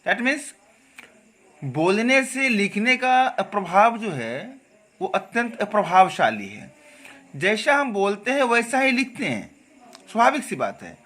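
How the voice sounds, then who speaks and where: A man's voice: high voice, sing-song, sharp tone. A man teaching a Hindi grammar lesson, patiently repeating wrong and correct pronunciations and checking in with his students. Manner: explains patiently, repeats wrong and right forms, checks with "है ना?" and "okay?"; slow, careful stress on corrected words. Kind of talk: classroom lesson.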